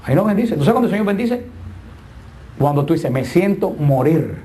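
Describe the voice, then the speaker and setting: A man's voice: high voice, expressive, fast, mellow, a little hiss or hum. A middle-aged man preaching a sermon with emphatic, swinging delivery and joking asides.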